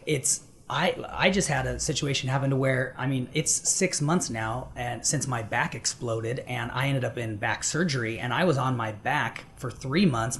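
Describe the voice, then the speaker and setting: A man's voice: medium pitch, fairly bright tone, a little hiss or hum. A middle-aged man hosting a business podcast, talking in an upbeat, affirming way. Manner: upbeat, affirming, laughs easily. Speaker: podcast host. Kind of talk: casual interview talk.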